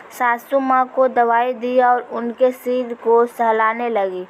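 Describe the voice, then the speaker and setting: A young woman narrating a first-person family story from a script, in a slow, even storytelling manner. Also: a little high, highs cut off, a little hiss or hum.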